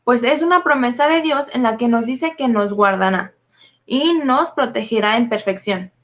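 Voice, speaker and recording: A woman with a fairly high voice leads a Bible study, patiently working through words one definition at a time. The recording sounds dull and lo-fi. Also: normal speed, a bit bright. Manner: methodical, listing definitions. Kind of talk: explaining scripture word meanings.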